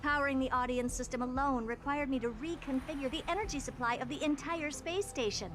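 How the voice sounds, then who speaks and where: A woman's voice: sits high, a little fast, over music, close to an everyday voice. An actress voicing an aloof, impatient female genius scientist in a video game, dry and dismissive. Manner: dry, dismissive, matter-of-fact.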